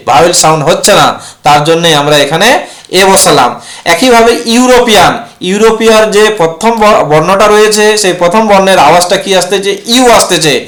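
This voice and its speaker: A man with a high, fairly bright voice teaches an English grammar lesson, repeatedly posing questions and then answering them himself as he explains the rules to the class.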